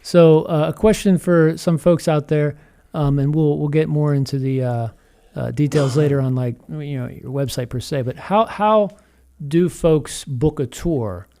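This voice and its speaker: A man's voice: on the high side, a little slow, dark tone. A man hosting a podcast interview, asking hesitant, roundabout questions with frequent restarts. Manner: hesitant, many fillers and restarts. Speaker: podcast host. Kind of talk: casual interview.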